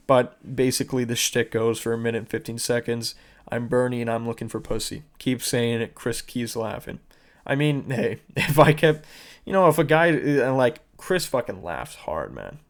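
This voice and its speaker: A man hosting his own podcast, rambling through internet videos in casual, profane, sarcastic commentary. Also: medium pitch. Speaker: podcast host.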